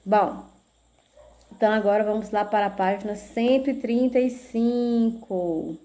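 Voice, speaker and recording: A woman with a Brazilian Portuguese accent delivers a video lesson, patiently and slowly sounding out syllables while checking in with short tag questions. Her voice is medium-pitched and mellow.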